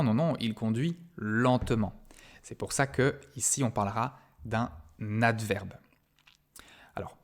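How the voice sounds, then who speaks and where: A man teaching a recorded grammar lesson in a mid-pitched voice. He explains patiently, pauses on fillers, and draws out the words he wants students to remember. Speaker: university English grammar lecturer.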